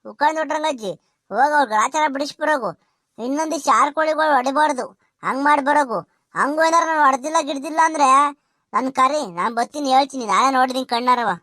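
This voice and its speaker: Eager gossipy young cartoon neighbor woman, voiced by a woman; rural Karnataka Kannada accent, bright tone. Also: sits high, fast talker, dry recording, clean studio sound. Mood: urging. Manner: eager tattling. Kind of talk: cartoon comedy voice acting.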